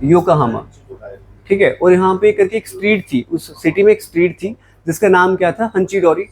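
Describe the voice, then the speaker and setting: A man with a fairly high voice teaches English vocabulary in a classroom lecture. He switches between Hindi and English and keeps asking his students questions that he answers himself. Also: normal speed, low-quality recording. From Jammu, India.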